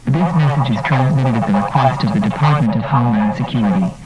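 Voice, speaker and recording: A man announcing an official emergency alert in a steady, measured tone, his voice muffled as if heard through a door. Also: mid-range voice. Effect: muffled and distant, as if heard through a door. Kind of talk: formal scripted alert announcement.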